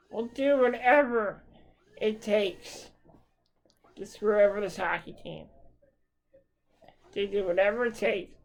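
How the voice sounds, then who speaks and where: Slow, angry ranting woman. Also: medium pitch, low-quality recording. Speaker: hockey fan. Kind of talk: angry rant to camera.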